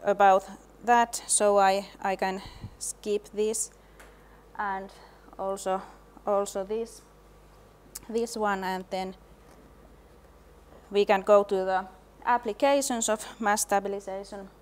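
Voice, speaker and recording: Slow-speaking woman presenter. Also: medium pitch, fairly even intonation. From Finland. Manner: slow, measured, with frequent hesitations. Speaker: laboratory and design specialist, presenter. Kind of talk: conference presentation.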